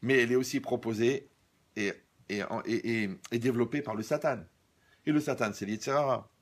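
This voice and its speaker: A man's voice: medium pitch, a little fast. A man who is a religious teacher, giving a humorous sermon in a wry, teasing way, telling stories and turning aside to his listeners.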